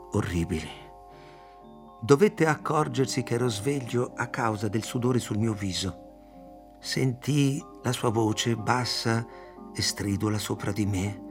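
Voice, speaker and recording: A man reading a literary novel aloud, in a measured, even storytelling manner. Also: lowish voice, creaky. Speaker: audiobook reader. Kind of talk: literary audiobook narration.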